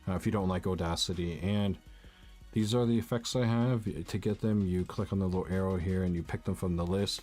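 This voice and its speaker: Recording from a home room with a bar fridge, this Canadian tech YouTuber walks viewers through a setup one step at a time in a relaxed, rambling screen-capture tutorial. He's a young man whose voice is naturally low with a darkish tone, and "uh" and "basically" come up constantly.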